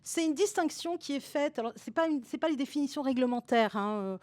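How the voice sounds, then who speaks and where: A woman's voice: high-pitched, lively intonation, a little fast, darkish tone. A woman consultant explaining a topic over slides in a webinar, hesitant and full of fillers, with restarts and tags at the ends of her sentences.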